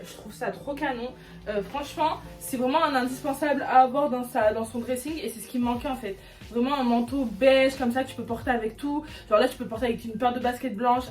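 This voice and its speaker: A woman chatting enthusiastically through a clothing haul vlog, full of fillers, at home. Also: on the high side. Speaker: fashion vlogger. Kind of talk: casual try-on haul vlog. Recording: music bed under voice, slightly distant mic.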